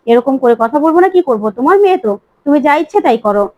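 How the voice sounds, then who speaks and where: A woman's voice: high voice, lively intonation, rapid-fire, no room sound, muffled recording. A woman voicing a stern, hurt middle-aged mother scolding her grown daughter. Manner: scolding, bitter.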